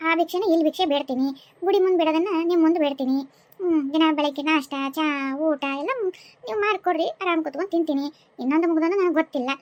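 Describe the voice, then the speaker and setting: A sly young daughter-in-law. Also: female voice, extremely high pitch, quick pace, a little mellow, no room sound. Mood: teasing. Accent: North Karnataka Kannada. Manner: smug, teasing.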